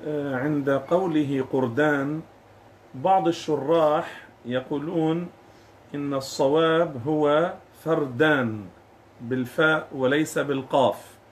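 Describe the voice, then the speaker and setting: رجل يعلّق على النص في درس ثم يختم بالدعاء بإلقاء هادئ متزن. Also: male voice, on the high side, steady tone, measured pace, slight background noise. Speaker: teacher commenting on the text. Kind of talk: lesson commentary and closing prayer.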